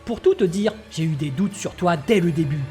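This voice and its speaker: A woman's voice: on the low side, animated, normal speed, dark tone, faint music behind, close to an everyday voice. A woman voicing an arrogant, menacing male official in a manga summary, speaking in a haughty tone.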